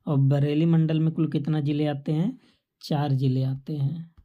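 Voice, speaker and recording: A woman's voice: low-pitched, level tone, normal speed. A woman teaching exam facts as a quiz-style lecture, asking questions and answering them herself. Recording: dull lo-fi recording.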